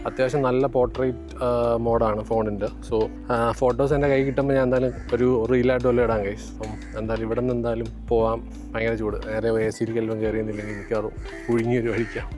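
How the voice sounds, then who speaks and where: A man with a Kerala accent talks quickly in a casual vlog style. He slips freely between Malayalam and English as he addresses his viewers. Music plays behind his voice. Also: mid-range voice, little pitch movement. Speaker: vlogger.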